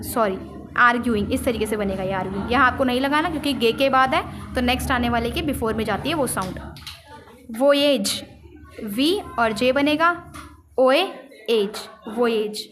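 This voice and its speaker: A high-pitched woman teaches shorthand, calmly explaining each sign and drawing out example words slowly. There is a faint hum of room noise behind her. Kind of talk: whiteboard lesson explanation.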